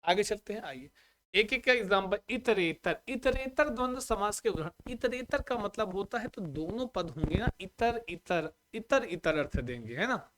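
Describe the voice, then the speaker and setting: A man teaching Sanskrit grammar in a live online class, asking his students questions again and again and reciting example compounds in a measured, chanting way. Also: sits high, expressive, fairly bright tone, a little hiss or hum. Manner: drills students with repeated questions and checks on the audio.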